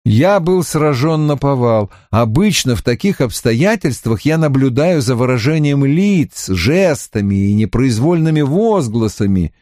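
A man narrating an audiobook in a deliberate, expressive way. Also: mid-range voice, no room sound, clean studio sound. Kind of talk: audiobook reading.

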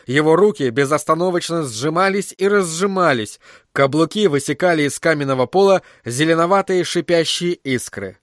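A man reading a fantasy story aloud in a measured, even storyteller's voice. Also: fairly high pitch, no room sound, studio quality. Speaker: audiobook narrator. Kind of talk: scripted storybook narration.

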